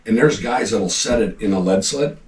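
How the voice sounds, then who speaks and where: Steady-voiced man telling stories. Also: fairly low pitch, moderate pace. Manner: steady, matter-of-fact storyteller. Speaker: channel host. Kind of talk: campfire-style storytelling. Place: cabin room. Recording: echoey room, distant mic, faint hiss.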